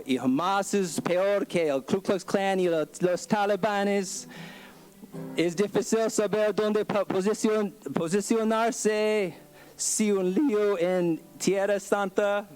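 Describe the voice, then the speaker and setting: Measured man with a higher voice. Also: darkish tone, low-quality recording. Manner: measured, earnest, deliberate. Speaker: public commenter. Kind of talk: prepared public comment speech. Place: city council chamber.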